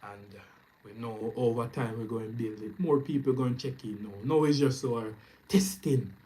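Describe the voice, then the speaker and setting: A Jamaican man talking casually to his camera, his voice at an ordinary middle pitch. He chats loosely and upbeat, piling on greetings and shout-outs. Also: normal speed, poor audio. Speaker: YouTube trading streamer. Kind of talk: casual live stream chat. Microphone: camera mic, speaking to camera.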